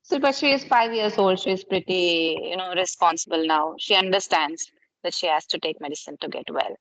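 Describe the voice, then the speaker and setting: Speaking at normal speed, a woman with a lowish, fairly bright voice patiently asks many simple questions, leading English conversation practice one question at a time. She's in her thirties, from Karnataka, a native Kannada speaker with an Indian accent. The recording quality is low.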